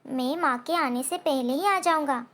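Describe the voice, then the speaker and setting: A woman's voice: high voice, moderate pace, fairly bright tone. A woman voicing a small, playful male baby bird in a cartoon story. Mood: eager. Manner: eager, boastful child's musings.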